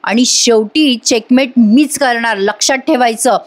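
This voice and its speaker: Lady narrator reading a scheming young wife, high voice, muttering then threatening. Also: lively intonation, moderate pace. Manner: muttering to herself, then menacing.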